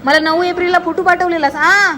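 High-voiced chatty woman. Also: fairly even intonation, a little fast, bright, forceful tone. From Alibag, Maharashtra. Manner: chatty, teasing, playfully scolding. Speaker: vlogger. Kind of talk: casual vlog narration and chat. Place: outdoors in a coastal fishing village. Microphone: handheld phone with headphones. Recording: noisy outdoor phone recording.

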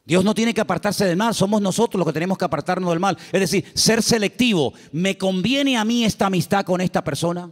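A man's voice: high-pitched, brisk, few pauses. A man with a Canarian accent preaching a sermon in a church, emphatic and repetitive with humorous asides. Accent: Canarian Spanish. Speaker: pastor. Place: church sanctuary. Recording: long reverb of a church hall.

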